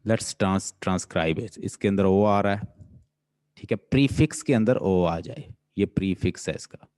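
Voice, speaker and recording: A Pakistani man gives a classroom lecture in a low, mellow voice. He speaks at a very unhurried pace and keeps asking his students questions. The sound is dry, with no room echo. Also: smooth. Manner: drills students with repeated questions. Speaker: linguistics teacher. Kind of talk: classroom lecture mixing Urdu and English.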